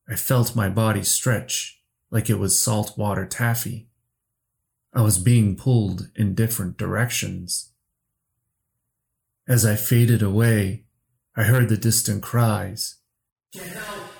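A man narrating a horror story slowly and steadily for a podcast. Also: fairly low pitch, vocal fry, darkish tone. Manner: slow, measured storytelling.

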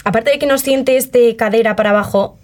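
A woman's voice: a little high, brisk, darkish tone. A young woman talks easily as an interview guest. She fills her speech with little fillers and brings other people's remarks to life as she goes. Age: 20s. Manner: chatty, uses many fillers, acts out quoted remarks. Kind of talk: casual conversational interview.

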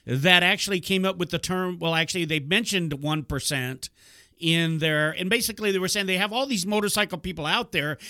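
A man co-hosting a podcast in casual chat, rambling and self-deprecating, thinking out loud into a headset mic. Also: high voice, no room sound, clean studio sound. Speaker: podcast co-host.

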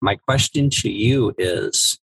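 Male podcast co-host, animated storyteller, low-ish voice, dry studio sound. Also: takes it slowly, vocal fry, slightly rough, no echo, poor audio. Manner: animated storyteller who acts out dialogue. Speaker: podcast co-host, former evaluator. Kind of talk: casual storytelling chat.

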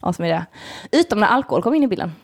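Chatty woman telling a dating story. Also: mid-range voice. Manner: animated storytelling, laughs often. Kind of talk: casual chat.

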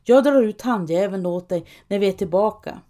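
A woman reading aloud and voicing a gruff, bossy male robber chief who scolds his men. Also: mid-range voice, dark tone, natural voice. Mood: gruff scolding. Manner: barking, scolding. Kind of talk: audiobook reading.

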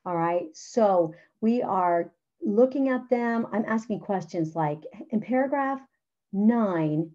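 Slow-paced yet lively in intonation, this middle-aged woman has a medium-pitched, dark voice. She walks fellow teachers through a writing lesson from the curriculum she's presenting, practical and chatty with frequent "okay"s and "all right"s, on a slightly dull, lo-fi recording.

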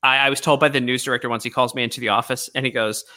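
A man's voice: mid-range voice, steady tone, very fast, sharp tone. A man hosting a casual remote conversation, a comedian who teases his guest and tells stories. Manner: teasing, storytelling. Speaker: host, comedian.

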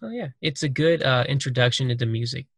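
Talking fast in a sing-song way, a male podcast host rambles through casual conversation with plenty of fillers and restarts. His mid-range voice has vocal fry and a fairly bright tone, captured in studio quality without echo.

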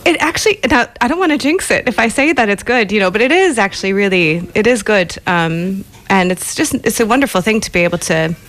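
A woman's voice: mid-range voice, animated, fairly quick, hardly any pauses, fairly bright tone. A woman from the United States with an American accent, talking casually as an interview guest in a chatty, self-deprecating way. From Ohio, United States.

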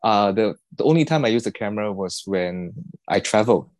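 A man answering podcast questions in a relaxed, halting way. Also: fairly low pitch, no room sound. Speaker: podcast guest, watch collector. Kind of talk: casual interview answers.

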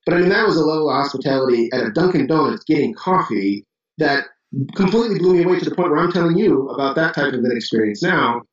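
A man from Chicago with a Chicago accent, a business owner telling stories as a guest in a casual interview, animated and full of restarts. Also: fairly high pitch, fast, reverberant, far from the mic, lo-fi sound. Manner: animated storyteller, many restarts and fillers.

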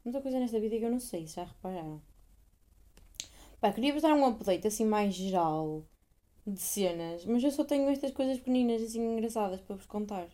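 Rambling Portuguese woman, mellow voice. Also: fairly high pitch, animated, brisk. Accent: European Portuguese. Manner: rambling, swears freely, self-mocking. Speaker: podcast host. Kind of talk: casual solo podcast chat.

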